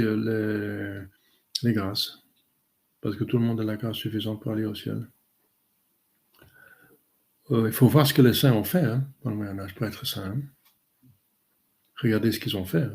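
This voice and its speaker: A man, a priest giving a catechism talk and answering questions in a halting way with many fillers. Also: on the low side, fairly even intonation, gravelly, darkish tone.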